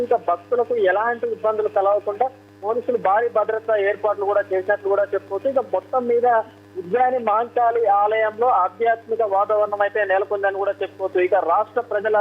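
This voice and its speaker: Over a narrow phone line with faint noise, a man files a live news report. His voice is high and runs on quickly in an even, unvaried tone. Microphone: telephone.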